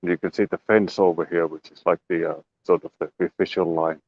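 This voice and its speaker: A man's voice: low voice, fairly even intonation, a little fast, darkish tone, lo-fi sound. A man giving a casual, rambling walking tour of his land outdoors, joking and making playful sound effects as he goes. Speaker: show regular giving a homestead tour. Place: outdoors on a rural property.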